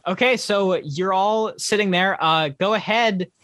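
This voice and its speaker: A game master running a tabletop game in a relaxed, halting way, with plenty of fillers. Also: mid-range voice. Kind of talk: casual tabletop game chat.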